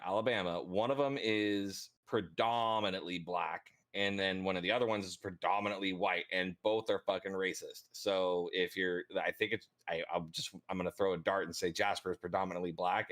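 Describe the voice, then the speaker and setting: Low-voiced man rambling in casual chat. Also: fairly bright tone. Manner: laid-back, profane, rambling with many fillers.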